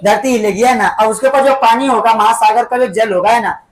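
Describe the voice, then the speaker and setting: A woman's voice: on the high side, brisk. Woman teacher quizzing a class. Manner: keeps quizzing the class with repeat-back questions; tags sentences with "है ना" and "ठीक है बेटा". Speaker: school teacher. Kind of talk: classroom lesson.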